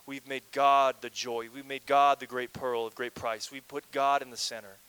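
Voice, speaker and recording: A male pastor from Canada preaching a lively, conversational sermon with playful asides and calls to the congregation. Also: medium pitch, moderate pace, clean tone, poor audio.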